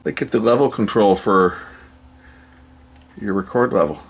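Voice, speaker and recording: With a fairly low pitch and measured pace, a repair video host offers unscripted hands-on commentary. He thinks out loud, often trailing off or questioning himself, and background noise and room ambience are clearly audible.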